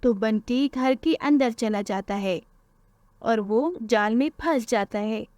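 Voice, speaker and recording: A woman narrating a children's cartoon story in a calm, even storytelling manner. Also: fairly high pitch, takes it slowly, no echo.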